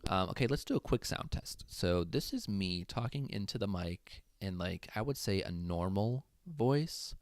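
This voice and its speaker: Young male streamer, lowish voice, loud and chatty, voice a bit worn, dry close mic. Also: normal speed, few pauses, no room sound. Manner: loud, animated, talks to chat. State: voice giving out. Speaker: livestream host. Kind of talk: casual livestream chat.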